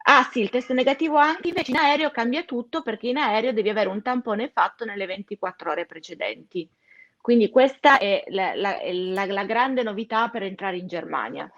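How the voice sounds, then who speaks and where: A woman explains practical news in an informal, emphatic way, leaning on the important words. Her voice sits at a medium pitch. The recording is close and dry, a little lo-fi. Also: moderate pace, fairly bright tone, no room sound. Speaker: co-host giving travel news updates.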